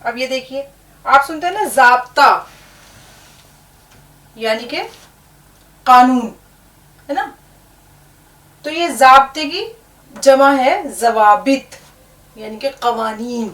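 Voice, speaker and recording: A woman's voice: high-pitched, slow pace, pauses often, a bit bright. A woman teaching an Urdu lesson, patiently spelling words out letter by letter. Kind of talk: language lesson. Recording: echoey room, distant mic.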